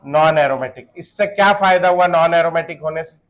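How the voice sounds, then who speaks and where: Speaking fairly quickly, this man lectures a chemistry class in a voice on the high side with a slightly bright quality. Between jokes and stray English phrases, he asks the students questions and supplies the answers himself.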